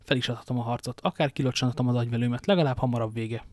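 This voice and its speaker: A man reading the part of a young, hot-headed male musketeer in an audiobook, impetuous and quick to despair. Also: mid-range voice, fairly even intonation, a little mellow, no echo, clean studio sound, natural voice. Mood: agitated.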